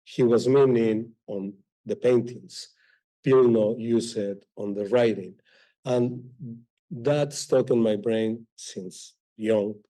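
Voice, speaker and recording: A man speaking as an author on a live library panel, halting and searching for words as he talks. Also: mid-range voice, warm tone. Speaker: author on a panel, also teaches. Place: library event hall.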